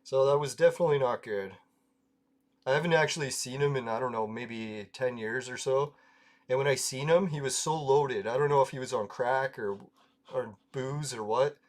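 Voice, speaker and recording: Over gameplay, this man, a gaming video creator, speaks at an ordinary pace with a mid-range pitch. His chat is casual and meandering, full of anecdotes, frequent laughter, and free swearing.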